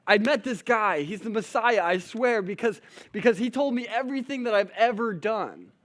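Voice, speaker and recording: A man putting on a high, incredulous Samaritan woman. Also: big pitch swings, exaggerated voice. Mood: awed, excited. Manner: exclaiming, fast rising questions.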